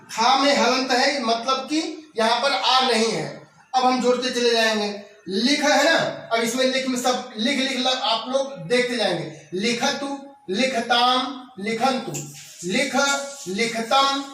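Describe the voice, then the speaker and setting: A man teaching a classroom grammar lesson, reciting verb forms slowly and explaining each step. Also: extremely high pitch, pushed and bright. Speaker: Sanskrit teacher. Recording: echoey room, voice from a distance.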